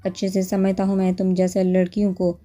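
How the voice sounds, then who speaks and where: A woman's voice: medium pitch, completely flat delivery, warm tone, faint music behind, close to an everyday voice. Woman doing a cold, cutting young man. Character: cold, short-tempered young man, harsh with strangers.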